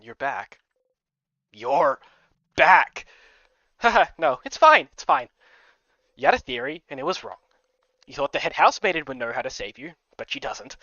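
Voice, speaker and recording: A man's voice: mid-range voice, lively intonation, brisk, long pauses, dry recording. A man doing a manic, falsely cheerful game spirit. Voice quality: loud, forced cheer. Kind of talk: game readthrough voicing. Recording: dull lo-fi recording.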